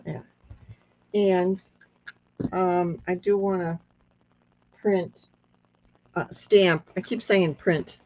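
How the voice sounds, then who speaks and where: Woman doing a crafty how-to, thin squeaky reedy voice, real slow and chatty, kinda muffled cheap recording. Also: fairly even intonation, darkish tone. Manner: unhurried, thinking aloud with pauses. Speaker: craft tutorial host. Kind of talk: casual hands-on craft demonstration. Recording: dull lo-fi sound.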